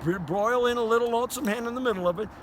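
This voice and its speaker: A man's voice: very high-pitched, very fast. An older man with a folksy, conversational manner, giving a casual hunting lesson as a duck calling instructor. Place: outdoors by a river. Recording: noisy outdoor recording with ambience. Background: outdoor noise, duck call quacks.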